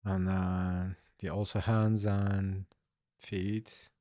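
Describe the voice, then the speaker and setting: A young man streaming his drawing session, chatting casually and answering viewers in a relaxed, easygoing way. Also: low-pitched, drawn-out words, dry recording, clean studio sound. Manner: laid-back, chatty, answers chat aloud. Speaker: art streamer. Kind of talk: casual livestream chat while drawing.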